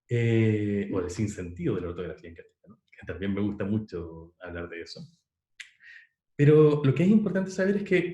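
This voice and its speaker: A man's voice: lowish voice, mellow. A man, giving a university class and explaining step by step, with frequent fillers and restarts. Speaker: university lecturer. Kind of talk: online class lecture. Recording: echoey room.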